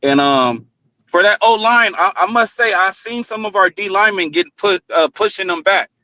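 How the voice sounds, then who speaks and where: A man's voice: high voice, moderate pace, pushed and bright, dry recording. A man co-hosting a casual football livestream, rambling through his points with fillers. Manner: rambling, lots of fillers and restarts. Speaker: co-host, football analyst.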